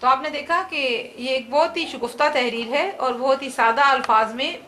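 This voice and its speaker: A woman's voice: high-pitched, moderate pace, sharp tone, slight background noise. A woman teacher giving an online class, explaining terms and reading out answers.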